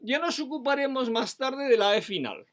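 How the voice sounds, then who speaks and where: A language teacher slowly spelling out and repeating French sounds, pausing to explain. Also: high voice, lively intonation. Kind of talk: slow, deliberate language lesson.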